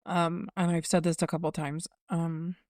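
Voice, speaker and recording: A woman's voice: lowish voice, little pitch movement, moderate pace, a little mellow, no room sound, studio quality. A woman in her forties co-hosting a casual faith podcast, reflective and explaining things in a teaching tone. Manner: reflective, circling back, teaching tone. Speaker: podcast co-host.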